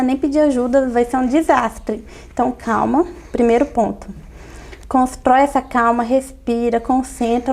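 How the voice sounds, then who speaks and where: A woman pediatrician calmly explaining step by step in an interview, repeating key points. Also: sits high, creaky. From Brazil.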